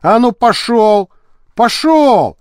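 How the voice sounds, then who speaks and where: Male narrator playing a menacing detective, gruff and commanding, dry close sound. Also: on the high side, lively intonation, measured pace, dry recording. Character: stocky red-haired detective, grim and threatening.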